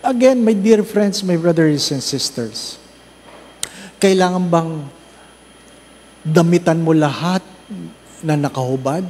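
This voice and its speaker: A man, a priest giving a recollection sermon, who tells humorous stories, asks the congregation rhetorical questions and slowly lists the works of mercy. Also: fairly high pitch, expressive, darkish tone, long reverb tail, slight background noise. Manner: slow emphatic listing of works of mercy.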